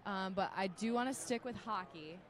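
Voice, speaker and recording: Loud, chatty Minnesota woman. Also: mid-range voice, moderate pace, slight background noise. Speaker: sideline interviewer. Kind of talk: casual radio-row chat.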